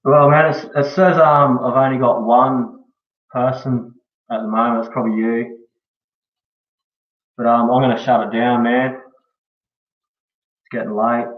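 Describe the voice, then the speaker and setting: An Australian man chatting casually on a live stream in a laid-back, slangy way, often tagging sentences with "eh" and "bro". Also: medium pitch. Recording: dull echoey room, far from mic.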